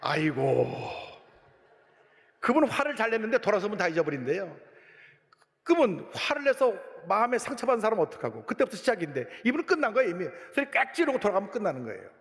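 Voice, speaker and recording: A male pastor preaching a sermon, telling a story animatedly, jumping between loud outbursts and hushed asides. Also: high-pitched, big pitch swings, quick pace, in a large hall.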